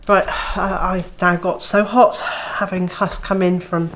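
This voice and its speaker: In a low-leaning, fairly bright voice, a Welsh woman speaks at a measured pace with a level tone in a casual homestead vlog to camera. Her cold makes her nasal and throaty, she chats with frequent "uh" fillers, and there's slight background noise.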